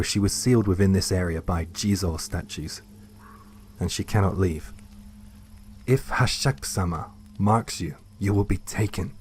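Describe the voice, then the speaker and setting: A man telling a first-person horror story in a slow, hushed, scripted narration. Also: low-pitched, slight background noise.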